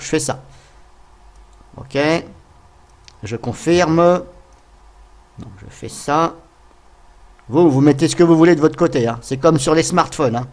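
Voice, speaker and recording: A man narrating a casual software tutorial, thinking aloud as he goes and talking to viewers with frequent hesitant fillers. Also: mid-range voice. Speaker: tutorial host.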